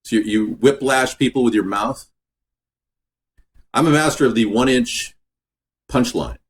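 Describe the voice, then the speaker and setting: A man hosting a casual home cooking video in his kitchen, chatting in a relaxed, rambling way that drifts off topic. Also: mid-range voice, a little slow. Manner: relaxed, filler-heavy talk. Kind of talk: casual cooking vlog chat.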